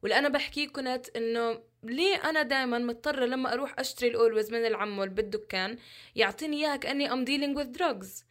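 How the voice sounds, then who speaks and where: Fast, passionate young woman. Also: a little high, a bit bright. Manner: passionate, emphatic, rhetorical questions. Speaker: guest, social media content creator. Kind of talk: candid interview talk.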